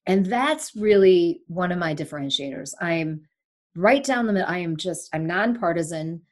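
A Sri Lankan woman in her forties, a longtime broadcaster and podcast host, appears here as the guest in a casual remote interview. Her voice sits lowish and moves at a normal speed, and she tells stories in an animated, candid, emphatic way over a remote-call microphone.

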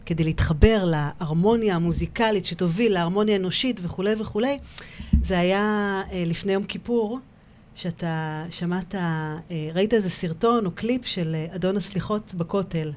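A woman's voice: lowish voice, a little mellow, slight background noise. A woman with an Israeli accent interviewing a guest, searching for her words with many fillers as she builds her questions. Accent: Israeli Hebrew.

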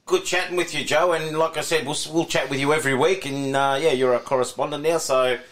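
A man's voice: a little high, steady tone, fast talker, a bit bright. A man with an Australian accent co-hosting a radio show with casual, joking, matey banter.

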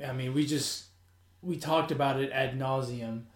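A man's voice: medium pitch, steady tone, moderate pace, roomy sound. A man hosting a casual sports podcast, easygoing and joking, often restarting his sentences. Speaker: podcast host.

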